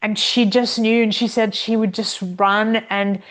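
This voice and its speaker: A woman speaks as a guest on a podcast, telling stories at a slow, deliberate pace. Her voice is smooth and clear, and she pauses often and restarts her sentences as she recalls things. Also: mid-range voice, flat delivery. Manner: unhurried storytelling, many pauses and restarts. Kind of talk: casual interview conversation.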